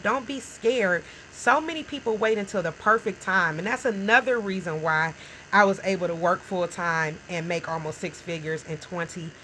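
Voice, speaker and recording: A woman's voice: medium pitch, sharp tone, a little hiss or hum, rough recording. A woman in her forties talking casually to camera as a small business owner, frank and encouraging, often checking in with "okay?" and "right?". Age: 40s. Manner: frank and encouraging, talks straight to the viewer.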